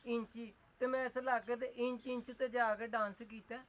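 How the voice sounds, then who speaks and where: A woman's voice: fairly high pitch, level tone, moderate pace, lightly acted. A woman playing a bold young dancer who coaxes and teases. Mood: coaxing. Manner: coaxing, teasing. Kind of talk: comedy sketch acting. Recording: dull lo-fi recording with faint noise.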